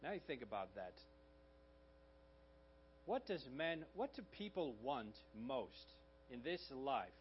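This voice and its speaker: A slightly hoarse man preaching a sermon in a conversational way, often checking in with the congregation with quick asides. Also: medium pitch, big pitch swings, lo-fi sound, slight background noise. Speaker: pastor.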